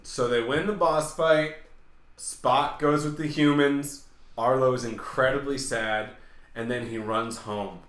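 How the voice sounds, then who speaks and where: A man's voice: mid-range voice, fairly even intonation, a little slow, fairly bright tone. A man co-hosting a podcast, chatting casually about films and repeating phrases for emphasis. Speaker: podcast co-host reviewing films. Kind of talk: casual movie review chat. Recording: echoey room, music behind.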